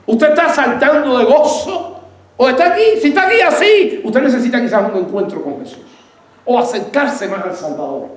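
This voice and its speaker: A man preaching a sermon as pastor, asking his congregation questions and answering them himself, with lively bursts and laughs. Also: very high-pitched, normal speed, roomy sound.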